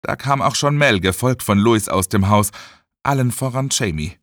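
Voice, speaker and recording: A man reading an audiobook as narrator in a dramatic, expressive way. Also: medium pitch, normal speed, no room sound, clean studio sound. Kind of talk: scripted narration.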